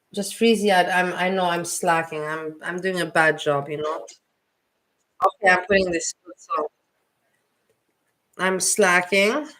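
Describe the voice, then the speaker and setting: A woman's voice: on the low side, a bit bright. Blunt, heated woman with an accent. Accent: non-native English accent. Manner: blunt, heated, swears freely. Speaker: livestream host. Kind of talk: casual livestream chat. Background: music playing.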